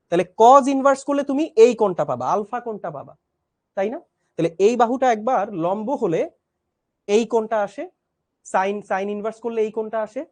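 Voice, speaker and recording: A young man teaching a live online math class, speaking softly with a strained voice, patiently repeating each step and often checking whether students follow. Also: high-pitched.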